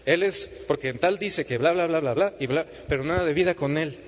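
A man's voice: on the high side, fairly quick. A man preaching an informal sermon, talking conversationally with many fillers and restarts. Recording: muffled audio with long hall reverb.

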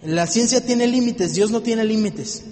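A man preaching a lively sermon, joking and acting out little scenes for his listeners. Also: high-pitched, unhurried, big-room sound.

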